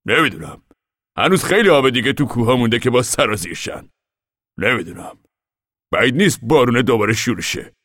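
A man's voice: mid-range voice, very animated, fairly bright tone, no echo, studio quality, pitched above the performer's own voice. Man doing a weary farmer father. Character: steady, weary middle-aged farmer father.

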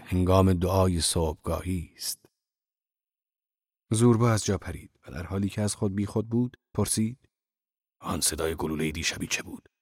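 A man narrating a novel as an audiobook in a measured, even reading. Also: on the low side, no room sound, studio quality.

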